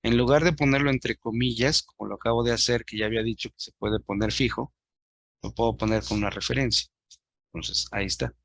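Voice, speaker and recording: A man's voice: mid-range voice, steady tone, brisk, creaky, a bit bright, no echo. A man teaching an online class, patiently explaining step by step and addressing his students directly.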